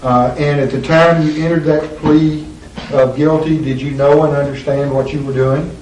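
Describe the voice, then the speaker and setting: A male attorney in a deposition, recorded courtroom-style, asking formal questions in a deliberate, measured way with frequent pauses. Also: a little high, steady tone. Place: deposition room. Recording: roomy echo, distant mic, faint hiss.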